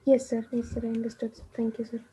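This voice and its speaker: A woman with an Indian accent speaking as a student in an online class, deferential, with a muted, husky voice. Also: on the high side, little pitch movement, fast, warm tone. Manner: deferential, says "sir" often. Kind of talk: asking questions in online class.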